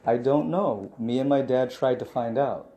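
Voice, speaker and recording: A man's voice: mid-range voice, normal speed, crowd noise. A young man arguing insistently as a patient in a tense meeting, caught on a hidden-wire recording. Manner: insistent, argumentative. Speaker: patient disputing his medication.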